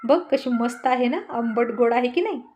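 Woman reading as a cheeky joking husband, kinda high voice, storybook banter. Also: moderate pace, darkish tone, slight background noise, natural voice. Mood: teasing. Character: playful teasing husband, grown man.

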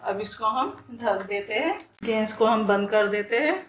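Woman home cook, calm step-by-step demo, roomy kitchen echo, pan sizzling faintly behind. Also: a little high, a little slow, slight background noise. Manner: calm, plain step-by-step explaining with repeated phrases. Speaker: home cooking channel host. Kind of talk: step-by-step cooking demonstration. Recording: echoey kitchen with cooking sizzle. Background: frying sizzle and stirring clicks.

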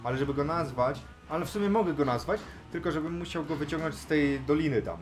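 A man's voice: a little high, quick pace, faint music behind. Chatty man narrating a Minecraft game. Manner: chatty, talks to animals in game, bursts of excited yelling. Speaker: gaming YouTuber. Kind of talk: Minecraft let's play commentary.

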